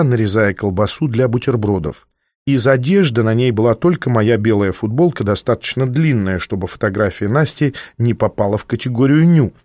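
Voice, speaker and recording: A man's voice: medium pitch, darkish tone, no echo. A man narrating a first-person novel aloud in a dry, ironic storytelling manner. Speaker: audiobook narrator.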